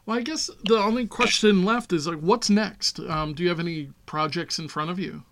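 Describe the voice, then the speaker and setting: Bright-voiced Long Island man hosting. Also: high-pitched. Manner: enthusiastic, quick to laugh. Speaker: podcast host. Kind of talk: casual interview chat.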